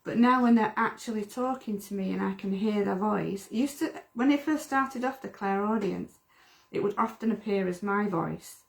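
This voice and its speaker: A middle-aged British woman, a medium co-hosting a casual livestream, chats earnestly and often repeats words. Her voice is medium-pitched with vocal fry, and she speaks at a moderate pace.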